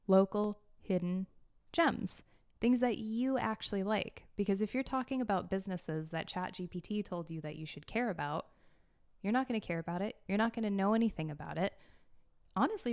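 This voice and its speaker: Gravelly-voiced excitable woman co-host. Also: medium pitch, no room sound, studio quality. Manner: excitable, quick asides with laughs. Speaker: podcast co-host. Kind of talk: casual chat.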